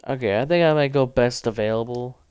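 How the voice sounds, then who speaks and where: Young male livestreamer, offhand thinking-aloud chatter, crisp clean voice in a dead-dry room. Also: mid-range voice, darkish tone, dry recording. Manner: rambling, thinks aloud, quick bursts. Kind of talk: casual gaming commentary.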